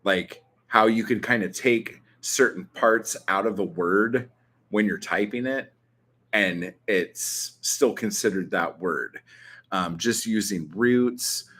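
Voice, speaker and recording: Speaking slowly in a lowish, fairly bright voice, the young man with a Southern California accent takes viewer questions on his channel. His casual vlog chatter rambles along with plenty of ums and likes and an occasional swear.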